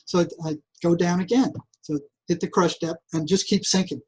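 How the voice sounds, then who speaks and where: Older man, husky voice, animated storyteller who stumbles and restarts often. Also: high-pitched, normal speed, poor audio. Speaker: guest, psychotherapist. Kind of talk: casual interview storytelling.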